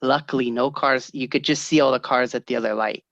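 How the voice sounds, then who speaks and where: A middle-aged man co-hosting a podcast, telling stories in a lively way, acting out the quoted voices and laughing often. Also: medium pitch, brisk, no room sound, muffled recording. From Northern California. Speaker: podcast co-host. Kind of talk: casual storytelling chat.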